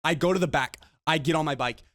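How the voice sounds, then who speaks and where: A man's voice: on the high side, fast, a bit bright, no room sound, clean studio sound. A young man telling a storytime vlog, exasperated and rambling, repeating words and using slang. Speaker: vlogger.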